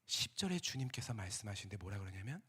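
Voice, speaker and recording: A young man preaching a sermon, animated and theatrical, dropping to whispers and rising to shouts as he acts out scenes. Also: on the low side, quick pace, husky.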